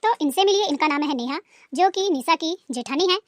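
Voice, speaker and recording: A woman tells a cartoon family story in a high, calm voice. Her narration is explanatory and steady. The recording is dry and close. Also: fairly quick, no room sound.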